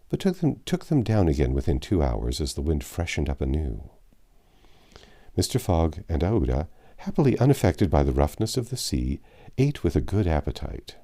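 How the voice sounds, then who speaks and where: An audiobook narrator with a low, dark voice reads a classic adventure novel aloud. He's expressive and measured, with lively intonation and words stretched out for dramatic effect.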